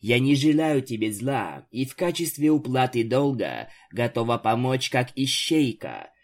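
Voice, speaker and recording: A man's voice: medium pitch, big pitch swings, a little slow. A man voicing a haughty elder vampire pony sister who speaks in a mocking, cold and domineering way.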